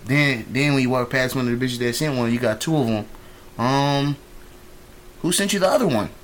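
A man's voice: mid-range voice, normal speed, slight background noise. A man co-hosting a casual podcast with bro-ish, boastful, profane slang. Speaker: podcast co-host. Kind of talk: casual group banter.

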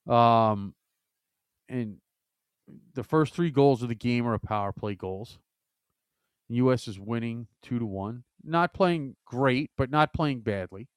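A man's voice: medium pitch, slow, long pauses, clear, resonant tone, no echo, clean studio sound. Exasperated hockey analyst guy, stammers a bit, clean voice. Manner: exasperated, animated, stammering restarts. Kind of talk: casual sports chat.

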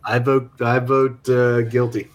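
Male sports co-host, calm and earnest, middle pitch. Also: unhurried, dull audio. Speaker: podcast co-host. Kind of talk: casual sports talk.

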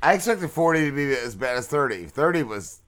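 A man's voice: medium pitch, a little fast. A man in his forties hosting a podcast, chatting casually and joking around. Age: 40s. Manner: jokey, lively, laughs often. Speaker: podcast host.

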